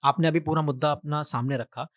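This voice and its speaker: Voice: mid-range voice, fairly even intonation, fairly quick, dry recording. A podcast host asking polite, meandering questions and murmuring agreement often. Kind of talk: podcast interview.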